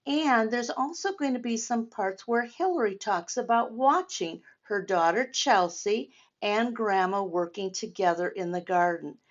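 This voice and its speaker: An older woman with a mid-range voice reads a picture book aloud to children a little slowly, speaking directly to the young listeners and explaining as she goes. The audio sounds dull.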